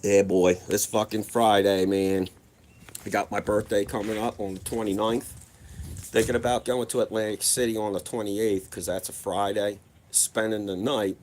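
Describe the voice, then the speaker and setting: A laid-back man rambles through profane personal stories in a loose vlog monologue. His voice sits on the low side and his delivery is easygoing and unhurried. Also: flat delivery, a little mellow. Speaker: vlogger. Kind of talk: casual storytelling monologue.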